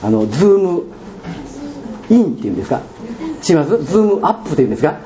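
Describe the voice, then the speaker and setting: A man with a Kansai accent preaching a sermon as a pastor, telling a story with animated sound words and questions to the congregation. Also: fairly high pitch, quick pace. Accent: Kansai Japanese. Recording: dull lo-fi recording with faint room noise.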